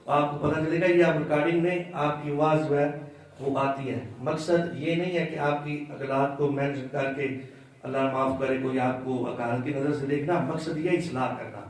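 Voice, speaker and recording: A male religious teacher giving a live class on prayer recitation. He repeats words slowly to correct how they are pronounced. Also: a little high, fairly even intonation. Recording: very echoey room, voice far from the mic.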